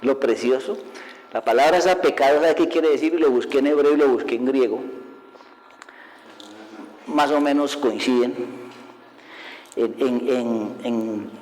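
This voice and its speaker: A man preaching a sermon as an evangelist, lively and full of rhetorical questions, laughing at his own stories. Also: mid-range voice, a little slow, pauses often. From Colombia. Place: church hall. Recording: long hall reverb.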